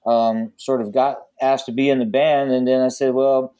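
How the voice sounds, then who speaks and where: A man with a medium-pitched voice talks casually as an interview guest, like a musician recalling his career. He pauses and fills the gaps with lots of ums and uhs. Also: little pitch movement, mellow, clear, resonant tone. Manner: frequent ums and uhs, halting.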